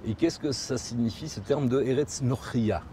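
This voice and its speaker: In a contemplative documentary interview, a man whose native tongue is Spanish hesitates, repeats and reformulates as he looks for words. His mid-range voice has a dark tone, with slight background noise in the recording.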